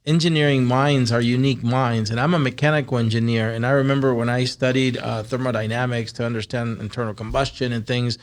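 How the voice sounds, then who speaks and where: A man's voice: mid-range voice, steady tone, a little fast, few pauses. Man, podcast host, chatty, rambling questions, fillers, studio, desk microphone. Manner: chatty, thinks aloud with fillers. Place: wood-panelled studio set. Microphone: desk mic on a stand.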